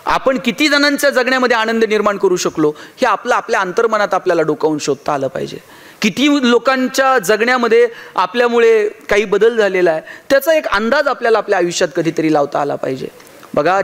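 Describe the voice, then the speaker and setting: A man's voice: high voice, a bit bright. A man giving a motivational speech, telling stories, acting out dialogue and asking the audience rhetorical questions. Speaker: motivational speaker.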